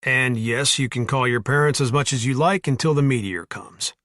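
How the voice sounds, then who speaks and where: A man's voice: medium pitch, normal speed, a bit bright, no room sound, pitched above the performer's own voice, lightly acted. A man voicing a tough ex-soldier in an audiobook, blunt and teasing in a dry way. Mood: wry teasing. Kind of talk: audiobook character voice.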